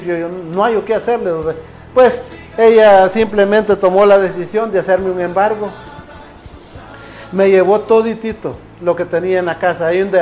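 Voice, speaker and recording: A man's voice: high-pitched, darkish tone. A man giving a rambling personal faith testimony, full of fillers and reported dialogue. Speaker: testimony giver.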